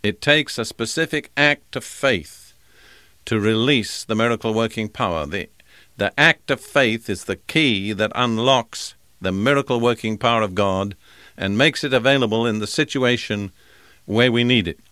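A man preaching a sermon, reading scripture and explaining it in a measured, deliberate way. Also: lowish voice, pushed and bright, clean tone, no echo, studio quality. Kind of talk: sermon teaching.

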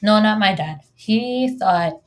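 In her thirties and raised speaking Hawaiian, the podcast host from Hawaii jokes and chats her way through a solo episode, addressing listeners head-on. She speaks slowly with a medium pitch and an animated delivery.

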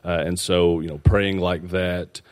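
A man speaking informally in a church discussion, in a tentative, rambling, halting way. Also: deep voice, flat delivery. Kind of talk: informal spiritual teaching discussion.

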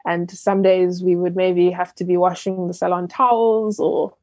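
This entrepreneur guest, a young Ghanaian woman who founded a business, speaks at normal speed in a low, flat, slightly mellow voice. Her interview answers are reflective and full of fillers and restarts, and there's no echo on the recording.

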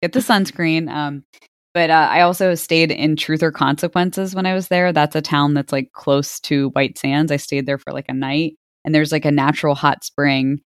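A woman's voice: low-pitched, fairly even intonation, moderate pace, clear, resonant tone, no echo, studio quality. A woman co-hosting a podcast, chatting casually about travel with many filler words. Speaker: podcast co-host. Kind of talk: casual chat.

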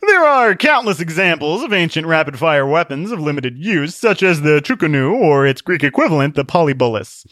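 A man voicing a smug, pompous know-it-all villain who drawls his lectures slowly. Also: on the high side, sing-song, fairly bright tone, no room sound, pitched above the performer's own voice. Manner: slow, drawn-out and pompous.

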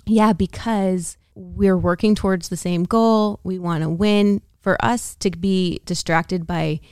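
An American woman with a slightly low voice, chatting on a podcast and telling a story with lots of energy. She acts out quoted lines and laughs easily. The sound is close and dry, with no room echo. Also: slow pace, clean tone. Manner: animated, laughs often, acts out quoted dialogue. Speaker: podcast co-host. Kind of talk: casual storytelling chat.

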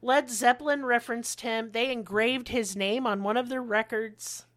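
A woman hosts a relaxed history podcast in a slightly high voice. She is blunt and sarcastic and swears often. She talks in a loose, chatty way. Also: normal speed. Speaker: podcast host. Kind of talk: casual history chat.

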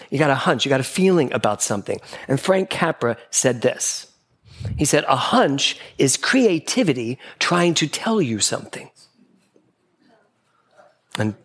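Lively spiritual speaker addressing a gathering. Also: male voice, medium pitch. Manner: playful, animated, acting out little exchanges in quoted voices. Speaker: speaker giving a spiritual talk. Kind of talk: spiritual talk to a live audience. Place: gathering hall with a live audience.

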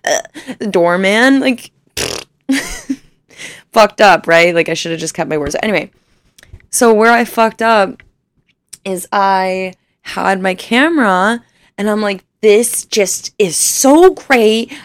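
A woman's voice: medium pitch, slow, long pauses, no room sound, clean studio sound. A young woman in her twenties telling a rambling, self-deprecating story in casual chat, laughing often and swearing freely.

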